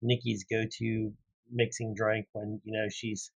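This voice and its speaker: A man's voice: on the low side, monotone, a little slow, vocal fry, no echo. A man co-hosting a casual podcast chat, rambling along with lots of fillers. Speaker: podcast co-host.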